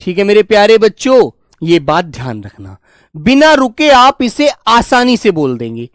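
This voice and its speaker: A man teaching a grammar lesson, dictating slowly and repeating phrases word by word, fondly reassuring his students. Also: high voice, sing-song, dry recording, studio quality. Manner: fond, reassuring, calls students "dear children". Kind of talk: classroom lesson with slow dictation.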